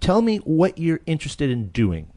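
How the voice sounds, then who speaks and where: A man's voice: on the high side, wildly swooping pitch, moderate pace, warm tone. A man co-hosting a radio show, giving casual, emphatic real estate advice in a conversational way.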